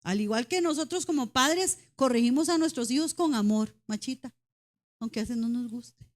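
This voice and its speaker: A woman's voice: a little high, expressive, moderate pace. A woman preaching a sermon in church, emphatic and direct, often calling out to her listeners as brothers and sisters. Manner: emphatic, repeatedly addresses the congregation as brothers; speaks as a mother, mentions her daughters.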